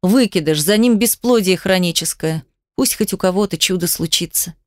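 A woman's voice: on the low side, normal speed, darkish tone, dry recording, studio quality. Woman narrating an emotional audiobook. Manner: emotive, dramatic first-person reading.

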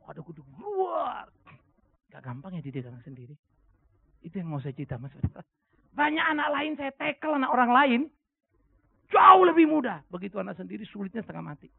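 A middle-aged male pastor delivers a sermon in a high-pitched, gravelly voice. He tells stories with lively pitch swings and acts out the other people's voices. The recording is dry and thin, like a phone line. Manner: animated storytelling, acting out voices with big pitch jumps. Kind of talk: sermon with anecdotes. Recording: dry, phone-like narrow sound.

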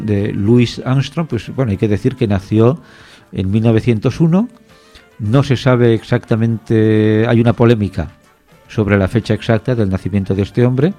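Mellow radio host, hesitant. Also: male voice, fairly low pitch. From Spain. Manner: measured, with frequent hesitant pauses. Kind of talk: explanatory radio talk.

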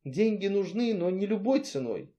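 A man's voice: a little high, big pitch swings, moderate pace, dark tone, lo-fi sound. A man voicing an indignant forty-year-old woman who screams insults in an audiobook. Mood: deflated. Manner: shrieking insults, then cold and bitter. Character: furious 40-year-old woman, proud and shrill.

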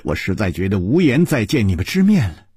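A man voicing a grieving, ashamed masked woman who speaks in a low whisper. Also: big pitch swings, fairly quick, darkish tone, slightly rough, dry recording, studio quality, heavily acted. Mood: sorrowful. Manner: whispering, sorrowful.

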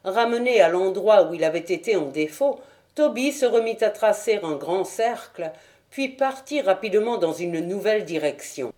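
A woman narrating a French audiobook in a steady, clear reading voice. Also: medium pitch, moderate pace. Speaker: audiobook reader. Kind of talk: scripted narration.

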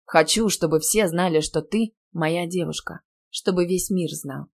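Woman reading as a calm, tender young man. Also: on the low side, a little slow, creaky. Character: calm teasing young male PE teacher in love.

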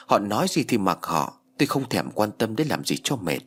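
Male reader as a sorrowful grandmother, tearful pleading, husky voice. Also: on the low side, very animated, a little fast, heavily acted. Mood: firm.

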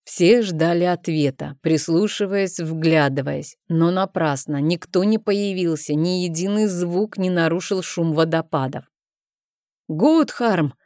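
A woman narrating an audiobook in a measured storytelling manner. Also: lowish voice, a little mellow, no echo, clean studio sound.

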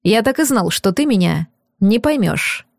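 A woman's voice: mid-range voice, very animated, unhurried, gravelly, no echo, clean studio sound, exaggerated voice. A woman reading an audiobook and voicing a stern, torn young aristocratic man with firm, clipped, bitter delivery. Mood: harsh. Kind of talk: audiobook character voice.

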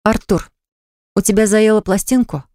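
A woman's voice: medium pitch, quick pace, a little mellow, dry recording, studio quality, natural voice. A man voicing a hurt, angry young pregnant woman in an audiobook, indignant and defensive.

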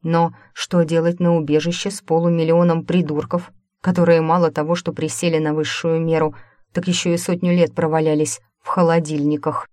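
A woman's voice: low voice, darkish tone, no echo, clean studio sound. A woman narrating a first-person story as a scripted audiobook, in a conversational way with wry asides.

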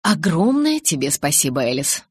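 A woman voicing a brooding young male vampire who speaks low, quietly and curtly in an audiobook. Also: level tone, brisk, creaky, husky, no echo, heavily acted. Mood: curt, subdued. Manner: low, quiet, clipped and curt.

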